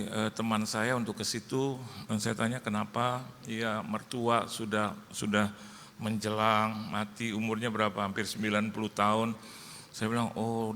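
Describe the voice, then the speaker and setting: A male pastor preaching, lively, telling comic stories and acting out dialogue in changing voices. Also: on the low side, a little hiss or hum. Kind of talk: sermon with comic storytelling. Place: large church hall. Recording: church hall reverb, faint ambience.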